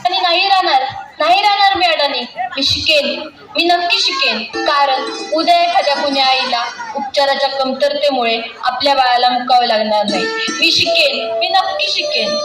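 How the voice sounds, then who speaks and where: Woman acting as a crying young village mom, super high pitched, noisy echoey room. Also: animated, moderate pace, recorded from a distance, over music. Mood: resolute. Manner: pleading, crying. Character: anxious young village mother, pleading and tearful.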